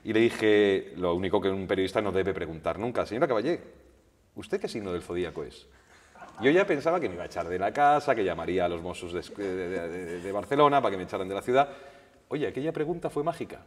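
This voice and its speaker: Lower-voiced male journalist telling anecdotes. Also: quick pace. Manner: lively, animated, with restarts and quoted dialogue. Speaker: journalist, guest. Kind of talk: anecdotal storytelling at a public talk. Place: public lecture hall. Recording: reverberant lecture hall.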